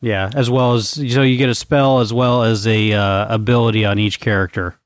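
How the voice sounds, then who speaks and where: A man's voice: fairly low pitch, fairly even intonation, moderate pace, no room sound, clean studio sound. A man chatting casually as a panelist on a gaming podcast.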